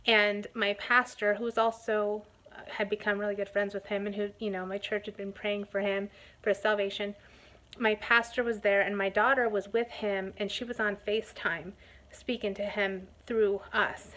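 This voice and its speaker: Bright-voiced woman giving an earnest testimony. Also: mid-range voice. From United States. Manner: earnest, halting, many restarts and fillers. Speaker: host sharing a personal testimony. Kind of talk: emotional personal testimony.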